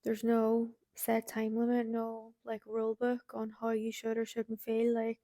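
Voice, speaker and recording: Gentle, supportive woman with a dry sound. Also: a little high, monotone, unhurried, no echo. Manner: gentle, affirming, lots of backchannel. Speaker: podcast co-host. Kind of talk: supportive conversational listening.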